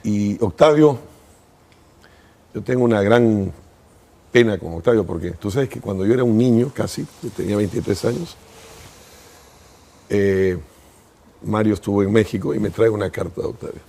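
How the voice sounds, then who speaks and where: An older man tells stories from his past as an interview guest. His voice sits low and dark, with a gravelly, husky texture. He talks in long, thoughtful first-person reflections. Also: moderate pace, pauses often. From Peru. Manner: thoughtful, reminiscing, speaks in first person at length.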